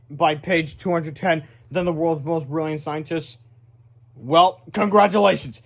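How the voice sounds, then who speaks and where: A man reading a children's book aloud in an animated way, breaking off for excited asides. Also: fairly high pitch. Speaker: read-aloud narrator.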